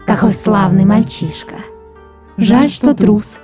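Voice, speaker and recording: A woman voicing a sinister, mocking demon with a layered demonic voice, slow and taunting. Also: medium pitch, dark tone, soft background music. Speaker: podcast host and narrator. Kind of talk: scripted horror story reading.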